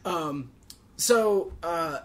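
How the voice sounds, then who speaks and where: A man's voice: a little high, lively intonation, drawn-out words, crowd noise. A man in his thirties hosting a casual podcast chat, talking loosely with lots of fillers, laughing often and swearing freely. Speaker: podcast host.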